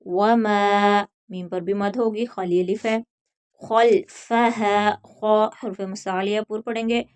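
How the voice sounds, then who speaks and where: A woman teaching tajweed, reciting verses in a drawn-out chant and then explaining each letter rule in quick spoken lines. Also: medium pitch, fairly even intonation, clear, resonant tone. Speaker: Quran teacher.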